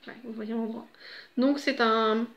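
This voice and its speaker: A woman's voice: on the high side, steady tone, unhurried, fairly bright tone, dull audio. A middle-aged woman at home, chatting casually and rambling with laughs and fillers. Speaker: vlogger.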